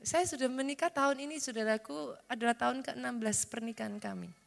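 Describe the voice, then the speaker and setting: A woman pastor, moving from fervent prayer to soft, confiding preaching. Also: on the high side, fast talker, vocal fry. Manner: fervent prayer with chanted tongues, then soft confiding talk. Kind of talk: sermon. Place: large church hall. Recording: reverberant church hall with music. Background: keyboard music.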